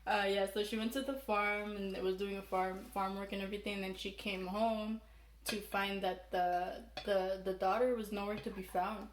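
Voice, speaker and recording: A woman's voice: medium pitch, level tone. Young woman storyteller, roomy echo. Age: young adult. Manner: halting, rambling, self-correcting delivery. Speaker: mukbang vlogger telling a folk legend. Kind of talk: casual storytelling. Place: small room indoors, seated at a table. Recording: roomy echo, background noise.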